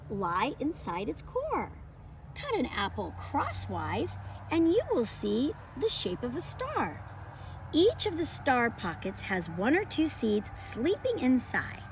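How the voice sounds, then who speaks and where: A woman with a fairly high voice presents a children's lesson and picture book read-aloud as a homeschool teacher. Her delivery is expressive and emphatic, aimed at young children, with slight background noise.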